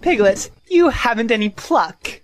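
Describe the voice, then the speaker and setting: A woman playing a bossy, self-important, scheming rabbit in a children's audio drama, lecturing briskly and impatiently. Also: a little high, expressive. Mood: commanding.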